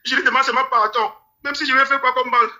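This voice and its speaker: Grieving man from Cameroon, pleading, fast and bright interview voice. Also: very high-pitched, steady tone. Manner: pleading, repeats phrases. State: grieving, near tears. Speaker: interview guest. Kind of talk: emotional interview testimony.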